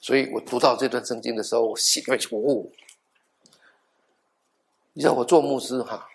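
A middle-aged pastor delivers a sermon as animated storytelling, acting out dialogue, making half-joking asides, and slipping in the occasional English word. His voice is medium-pitched and brisk, with some vocal fry.

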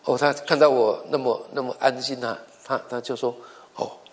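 A middle-aged male pastor delivers a storytelling sermon in a mid-range, steady voice at normal speed. He acts out dialogue within his stories and often repeats words as he goes.

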